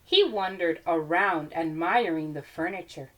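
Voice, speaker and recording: A woman storyteller reading a children's picture book aloud in an expressive manner. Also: on the low side, unhurried, low-quality recording.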